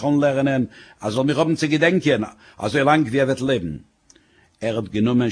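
A man's voice: medium pitch, husky. A man telling a comic story, full of wry "sag ich" asides.

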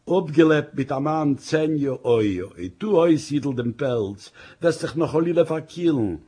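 A husky-voiced man voicing a grieving, tearful young wife who pleads in a slow, drawn-out lament. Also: medium pitch, big pitch swings, darkish tone.

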